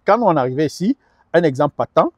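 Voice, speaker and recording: A man's voice: fairly high pitch, very animated, fast talker, dry recording, studio quality. A middle-aged man talking earnestly as a guest advisor in an interview, often repeating words while he searches for the next one. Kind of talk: conversational interview.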